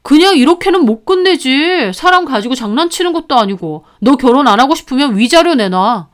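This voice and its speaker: A woman's voice: high voice, lively intonation, fairly quick. A woman doing a whiny, petty young boyfriend. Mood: demanding. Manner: whiny, demanding.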